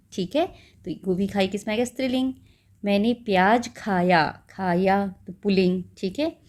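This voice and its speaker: A woman's voice: mid-range voice, darkish tone. Patient woman teaching a class. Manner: patient, checks in with "ठीक है" and "है ना", slows to spell out words. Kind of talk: explaining a school lesson.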